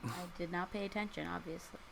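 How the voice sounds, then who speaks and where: A woman's voice: lowish voice, fast, vocal fry, poor audio. A woman in her early twenties chatting on a podcast with a dry, teasing manner. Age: 20s. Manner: teasing, deadpan. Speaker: podcast co-host. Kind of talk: casual chat.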